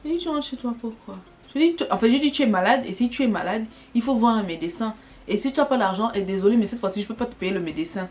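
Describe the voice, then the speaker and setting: A young woman telling a personal story in an animated, dramatic way for her vlog. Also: fairly high pitch, fast, faint music behind. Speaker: vlogger.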